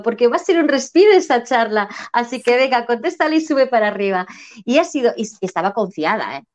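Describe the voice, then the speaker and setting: A woman's voice: fairly high pitch, darkish tone. Earnest woman from Spain, lo-fi. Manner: earnest, reflective, repeats phrases for emphasis. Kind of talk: spiritual conversation. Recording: dull lo-fi sound.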